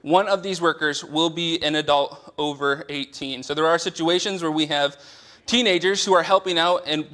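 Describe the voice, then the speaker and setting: A man's voice: fairly high pitch, pushed and bright. A man in a church meeting room who reads out child protection policy and then explains it in casual asides. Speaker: church training presenter. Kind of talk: policy training talk.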